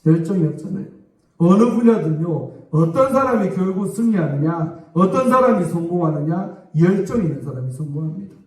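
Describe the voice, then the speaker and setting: Emphatic pastor preaching. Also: male voice, sits high, lively intonation, brisk, darkish tone. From South Korea. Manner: emphatic, repeatedly asking the congregation for amens. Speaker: senior pastor. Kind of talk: sermon. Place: church sanctuary. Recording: echoey church hall, distant mic.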